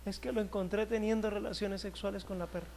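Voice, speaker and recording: A woman's voice: medium pitch, steady tone, quick pace, slight background noise, lightly acted. A man voicing a tearful pleading wife. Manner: pleading, quiet and upset. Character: tearful wife seeking her pastor's help.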